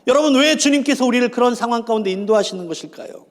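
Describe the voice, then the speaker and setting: High-voiced preaching man in reverberant hall. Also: racing. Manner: preaching with calls to repeat and rhetorical questions. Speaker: pastor. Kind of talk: sermon. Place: church hall. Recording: long church hall reverb.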